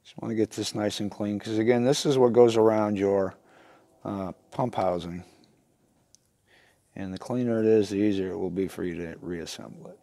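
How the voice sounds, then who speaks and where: Gravelly and dark, this middle-aged man's fairly low voice keeps a steady tone and moderate pace as he instructs in a how-to repair video. At an indoor workbench in a small wooden workshop, he casually and folksily talks through the repair step by step while working.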